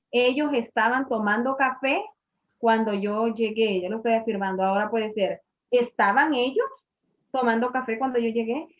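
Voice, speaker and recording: A woman teaching an English grammar class, patiently explaining and repeating each point in a classroom. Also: on the high side. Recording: muffled lo-fi recording.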